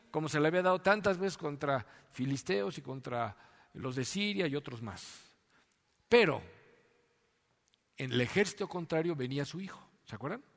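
A man's voice: on the high side, long reverb tail. A man preaching a sermon, telling a story with rhetorical questions. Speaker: pastor.

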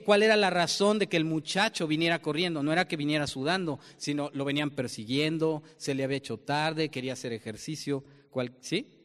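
A man preaches with a fairly high voice, and a long reverb hangs on his words as the sound rings through a large hall. He keeps turning to his listeners with questions and explains with plain everyday examples. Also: fairly bright tone. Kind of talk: sermon.

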